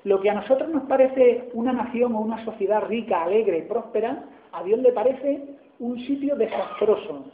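A man's voice: extremely high pitch, normal speed. A man from Spain with an Andalusian accent, preaching a sermon in a chatty way and often asking his listeners "¿no?". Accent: Andalusian Spanish. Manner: conversational, asks "¿no?" often. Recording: echoey hall over a tinny line.

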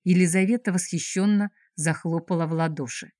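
A woman reading a novel aloud as narrator, in a measured, expressive way. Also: fairly low pitch, dry recording, studio quality. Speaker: audiobook narrator. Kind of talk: scripted narration.

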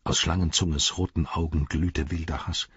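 A man narrating an audiobook in a measured, grave way, in a dry, slightly dull recording. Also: very deep voice, steady tone, a bit bright, breathy edge, dry recording.

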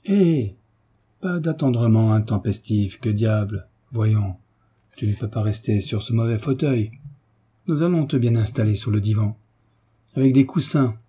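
A man doing a gruff old family doctor. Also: lowish voice, lively intonation, a little slow, warm tone. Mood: hearty, brusque. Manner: brusque, hearty.

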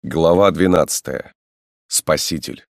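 A man narrating a novel in a measured, solemn reading. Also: rumbling low, vocal fry, dry recording, studio quality. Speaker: audiobook narrator. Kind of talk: scripted narration.

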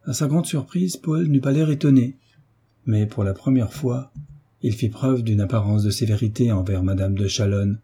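A man narrating a novel in a measured, steady reading. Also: on the low side, slightly rough. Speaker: audiobook narrator.

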